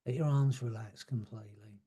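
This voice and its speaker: Husky, mellow-voiced man guiding hypnosis. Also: mid-range voice. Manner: slow, soothing, drawn-out phrasing with soft trailing words. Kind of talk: guided hypnosis relaxation.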